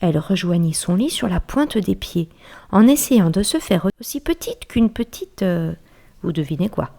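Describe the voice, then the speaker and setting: A woman reading a children's bedtime story aloud in a gentle, hushed way, dropping now and then to a whisper. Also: fairly low pitch, very animated, normal speed, gravelly.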